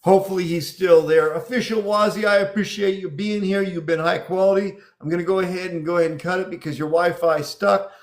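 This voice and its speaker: A man's voice: high-pitched, fairly even intonation, fairly quick, few pauses. A man hosting a casual live show, talking in an encouraging way and repeating phrases for emphasis. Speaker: live dating show host.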